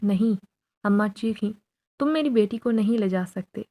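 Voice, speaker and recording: A woman's voice: medium pitch, warm tone, lightly acted. A woman voicing a fearful, protective mother in a spoken horror story. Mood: urgent.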